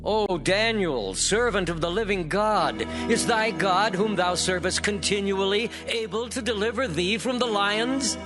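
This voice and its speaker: A man's voice: high voice, unhurried, few pauses, music in the background. An actor playing a solemn, anguished king in a dramatized scripture reading, speaking in a grand, declamatory way. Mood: anxious hope. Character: King Darius, solemn ruler anguished over his servant.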